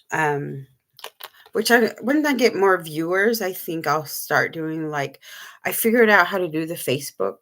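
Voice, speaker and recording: Gravelly low-voiced woman chatting on a live stream. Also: a bit bright. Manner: rambling, many ums, shows items to camera. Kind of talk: casual live-stream chat.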